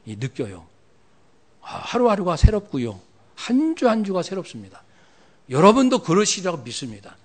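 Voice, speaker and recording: Animated Korean pastor preaching a sermon. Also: male voice. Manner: dramatic, acts out quoted dialogue with big swings in pitch and loudness.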